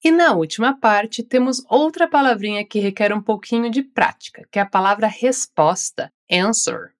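A woman with a Brazilian accent teaching English, giving slow, carefully articulated model phrases for learners to repeat. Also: medium pitch. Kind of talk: scripted language lesson.

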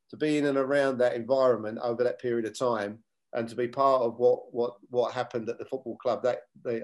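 Man in his sixties, middle pitch, former player and coach, measured storytelling, interview guest. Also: a little mellow. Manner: measured, many fillers and restarts, retells dialogue.

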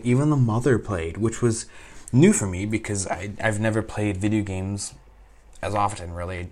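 A man chatting casually to the audience, telling an animated story and laughing often. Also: lowish voice. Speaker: vlogger recounting a trip.

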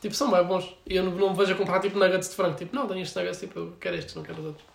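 A man's voice: sits high, flat delivery, racing, creaky, reverberant. A young man with a European Portuguese accent chatting casually in a rambling, slangy way full of filler words. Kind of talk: casual chat.

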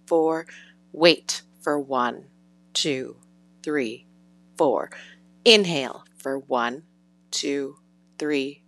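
A woman leading a guided breathing exercise, counting out each breath slowly and at a measured, even rhythm. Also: extremely low pitch, no room sound.

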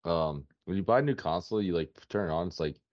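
A man's voice: sits low, quick pace. A man, co-hosting a casual podcast, laughing and self-mocking as he talks. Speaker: podcast co-host. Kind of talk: casual chat. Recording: dull lo-fi podcast mic.

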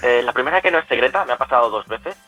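A young man speaks quickly, chatting away as an interview guest. His voice is bright and forward. He stops and restarts his sentences as he goes, and quiet music plays faintly behind him. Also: medium pitch, lively intonation, muffled recording. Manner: chatty, many restarts and self-corrections. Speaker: guest cosplayer. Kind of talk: casual storytelling.

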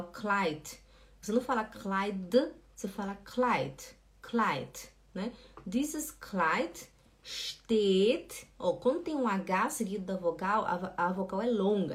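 A woman giving a live-streamed German lesson, chatting with viewers and patiently repeating words. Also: mid-range voice. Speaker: German teacher.

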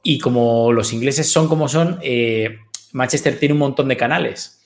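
A man's voice: medium pitch, normal speed, vocal fry. A man with a Spain Spanish accent, chatting as a guest and spinning rambling, casually profane anecdotes. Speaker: guest commentator. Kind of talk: casual chat.

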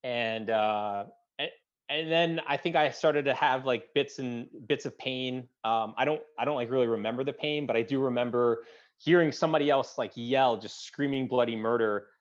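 A combat-wounded veteran in his thirties, appearing as an interview guest, tells his story haltingly with many fillers and restarts. His voice sinks low at the emotional moments, and the recording sounds dull and lo-fi.

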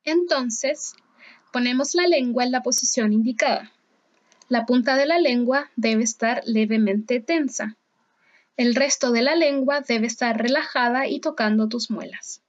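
Slow, careful Chilean woman teaching. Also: on the high side, lo-fi sound. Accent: Chilean Spanish. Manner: slow, carefully articulated repetition of words. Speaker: Spanish teacher. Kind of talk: pronunciation lesson.

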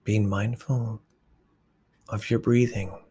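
A man leading a guided meditation, giving slow, soft instructions that often drop to a whisper. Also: fairly low pitch, level tone, a little hiss or hum.

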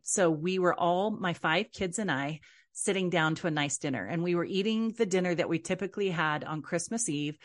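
A woman in her forties talking frankly to listeners about single motherhood, in an earnest, confiding manner. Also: on the low side. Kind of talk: personal advice talk.

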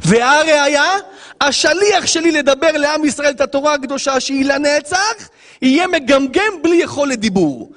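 A man, a rabbi, giving an animated Torah lesson, acting out scenes and firing rhetorical questions at listeners. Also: extremely high pitch, long reverb tail.

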